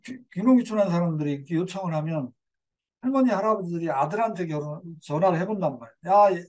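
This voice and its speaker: High-voiced older male lecturer. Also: animated, fast talker, darkish tone. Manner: digressive, with fillers and self-corrections. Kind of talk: community lecture.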